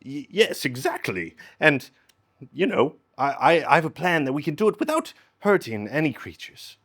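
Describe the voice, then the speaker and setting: Puppet show: man voicing a nervous little seed, polite, halting, hopeful. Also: a little high, huge pitch swings, a bit bright, heavily acted. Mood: stammering. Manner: hesitant, stammering, polite. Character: timid young seed who wants to become a tree. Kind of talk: live puppet musical.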